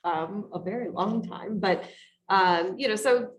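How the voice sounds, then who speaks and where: A woman co-presenting a teaching workshop in a casual live software demo, chatty and full of ums and you-knows, heard over a video call. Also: mid-range voice, measured pace, slight background noise. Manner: chatty, many fillers like um and you know.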